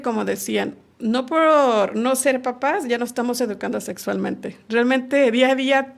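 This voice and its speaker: This woman's voice runs on the high side with some vocal fry. She's a podcast guest talking calmly and casually about sexual education, performing short bits of quoted dialogue as she explains.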